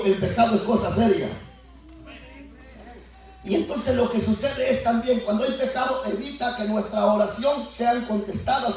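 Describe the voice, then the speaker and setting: A pastor preaching an animated Pentecostal sermon to his congregation, acting out biblical voices and building to shouts. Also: extremely high pitch. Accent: Latin American Spanish. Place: church sanctuary. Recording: echoey church heard from far off. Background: congregation answering.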